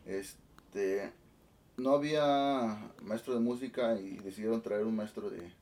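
Mexican man in his twenties, low-pitched voice, a bit off the mic, relaxed and laughing. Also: slow pace, recorded from a distance. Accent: Mexican Spanish. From Oaxaca, Mexico. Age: 20s. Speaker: guest musician, band director. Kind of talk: casual interview chat.

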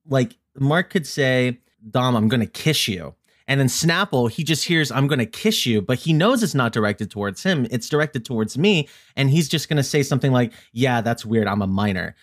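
A young man hosting a casual podcast, teasing his friend and laughing often. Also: mid-range voice. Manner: teasing, exasperated, laughs a lot. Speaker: podcast host. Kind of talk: casual chat.

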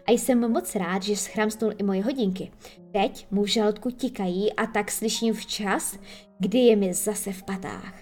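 A woman's voice: medium pitch, darkish tone, faint music behind, lightly acted. A woman voicing a vain, menacing male pirate captain who boasts and gloats. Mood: boastful.

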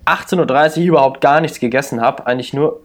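A young man co-hosting a podcast, telling relaxed, slangy stories in casual chat. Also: medium pitch, quick pace. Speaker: podcast co-host.

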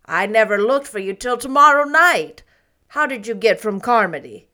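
A woman's voice: on the high side, animated, bright, forceful tone. Marilla, a woman doing a stern woman of sixty. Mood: brisk. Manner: brisk, clipped, emphatic.

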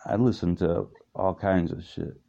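A man hosting a casual interview in a halting, laid-back stoner way, trailing off as he goes. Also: low voice, fairly even intonation, creaky, dark tone. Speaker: interview host. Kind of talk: casual, loose interview chat. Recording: dull, lo-fi sound.

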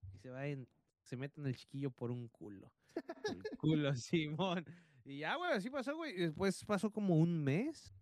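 This man, in his thirties and Mexican-accented, uses a medium pitch and a slightly mellow tone while co-hosting a podcast. He tells stories in slangy casual chat, swearing a lot and laughing often, on a dry, clean studio recording.

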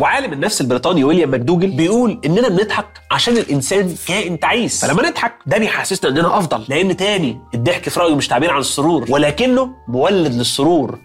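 Egyptian male podcast host, rapid-fire and high-pitched, joking with the listener over faint music. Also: husky. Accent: Egyptian Arabic. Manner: playful, jokey, talks straight to the listener. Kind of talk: comedic scripted science explainer.

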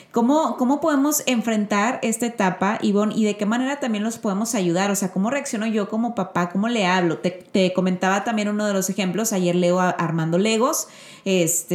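A woman hosting a podcast, telling stories and acting out the voices in them. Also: medium pitch. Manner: lively storyteller who acts out quoted voices. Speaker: podcast host. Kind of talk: casual interview chat. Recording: roomy echo.

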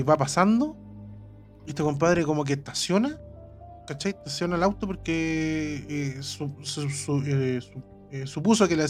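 A man with a Chilean accent telling a story in a casual chat, rambling and repeating his words. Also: a little high. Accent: Chilean Spanish.

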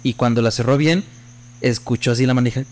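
A young Mexican man with a Mexican accent co-hosts a podcast, animatedly telling a ghost story in casual chat and acting out the voices and quotes in it. His voice is medium-pitched and a little fast.

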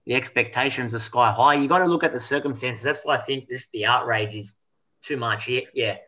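A man weighing in on football in a casual panel chat, measured and agreeable. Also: mid-range voice, bright, forceful tone, highs cut off.

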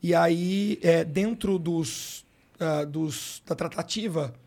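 A man's voice: on the high side, slow pace, a little mellow. Slangy Brazilian man telling a story. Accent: Brazilian Portuguese. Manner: slangy, emotional, frequent filler words like "cara" and "brother". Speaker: podcast guest, sports coach. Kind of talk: casual storytelling.

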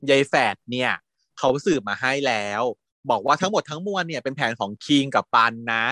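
A man casually recapping a TV drama as a podcast host, animated, laughing often and acting out lines. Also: mid-range voice, a little fast, dry recording, studio quality.

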